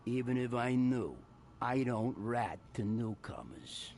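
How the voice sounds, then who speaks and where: An actor playing a surly, evasive barkeep in a video game, gruff and suspicious of outsiders. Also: male voice, medium pitch, slow pace, darkish tone, a little hiss or hum. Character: surly, evasive male barkeep of a seedy port bar.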